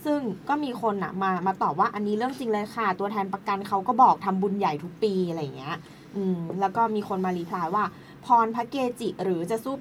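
Quick, chatty female co-host reading posts aloud, faint background hiss. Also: mid-range voice. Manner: chatty, reads in long runs.

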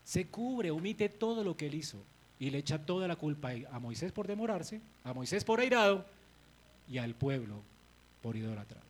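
High-pitched, animated preacher. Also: male voice, normal speed, rough recording. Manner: animated, dramatizes biblical scenes. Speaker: pastor. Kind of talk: sermon.

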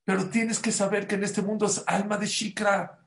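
A high-voiced man delivers a sermon in an echoey room. His delivery is animated, jumping between loud, stressed lines and hushed asides as he teaches and tells a story. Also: normal speed, gravelly. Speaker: religious teacher. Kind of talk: sermon with anecdote.

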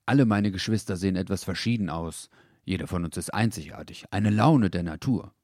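A man voicing a big, kind male dog in a storybook, speaking gently and reassuringly. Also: sits low, brisk, dry recording, studio quality. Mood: gentle.

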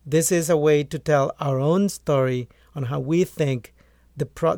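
This poultry farmer and author from Guatemala has a gravelly voice that sits a little high and sounds slightly mellow. Answering interview questions conversationally, he speaks earnestly and often restarts his phrases. The studio recording is clean and dry.

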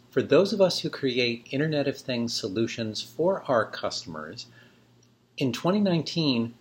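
Direct, businesslike male caller. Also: mid-range voice. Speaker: caller asking a question by video.

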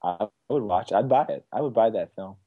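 A man's voice: on the low side, animated, brisk, no room sound. A man co-hosting a casual movie podcast, laid-back and agreeable, heard over a lo-fi remote line. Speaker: podcast co-host.

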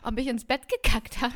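A woman's voice: sits high, a bit bright. Giggly young woman telling a rambling story. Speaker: podcast co-host. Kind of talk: casual podcast chat.

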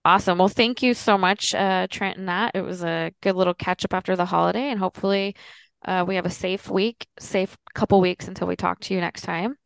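A woman with a very low, gravelly voice that still sounds smooth and resonant. She hosts a relaxed podcast chat, and the sound is close and dry. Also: a little fast, no echo. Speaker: podcast host.

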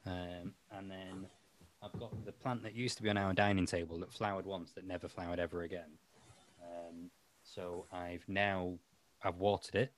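A man's voice: deep voice, level tone, moderate pace. A man hosting a podcast, talking in a rambling, self-mocking way with lots of fillers. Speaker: podcast host. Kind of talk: casual chat.

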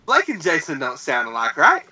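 A man's voice: on the high side, moderate pace, crowd noise. A man telling a story with lots of energy and acting out each voice in it. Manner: excitable, acts out every voice in the story. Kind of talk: animated storytelling. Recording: dull lo-fi recording.

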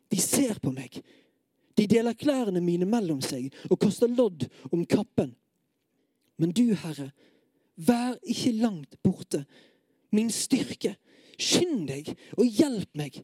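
A preacher giving a sermon who talks straight to the listeners with hesitant fillers, then reads scripture with dramatic, at times loud and pleading intensity. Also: medium pitch, husky, no echo, clean studio sound. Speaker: preacher at a worship gathering.

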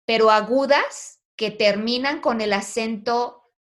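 A woman's voice: fairly high pitch, slow pace. A woman teaching a poetry lesson, asking her students questions and guiding them patiently. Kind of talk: online poetry class.

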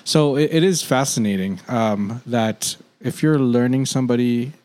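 Guy co-hosting a faith chat, thinking out loud, restarts a lot. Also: medium pitch, normal speed. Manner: reflective, with restarts and repeated words.

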